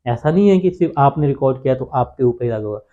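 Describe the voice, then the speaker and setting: Quick and animated, a man with a mid-range voice explains the law informally for his channel's viewers, asking his own questions, answering them, and repeating the main points. The audio is lo-fi and dull.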